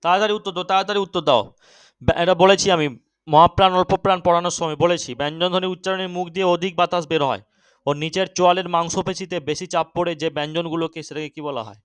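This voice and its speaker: A young man teaching an exam-prep grammar lesson, often checking that students follow and urging them to answer quickly. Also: high-pitched, fairly even intonation, fairly bright tone, clean tone, no room sound. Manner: keeps checking understanding, urges quick answers.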